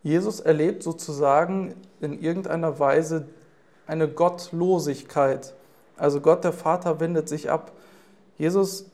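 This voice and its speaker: A man's voice: fairly high pitch, creaky, a little mellow. Earnest German-speaking male preacher. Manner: earnest, searching for words with pauses and fillers. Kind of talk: sermon.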